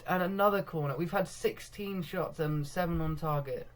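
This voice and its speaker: At normal speed and a little high in pitch, this young gaming video host narrates his football management game live. Goals set him off excitedly, and he often laughs at his own expense.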